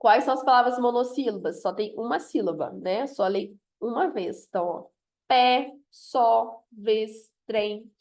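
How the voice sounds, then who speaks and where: A woman's voice: on the high side, lively intonation, brisk, few pauses, darkish tone. A woman teaching a grammar review lesson, explaining step by step and often checking in with "ok?".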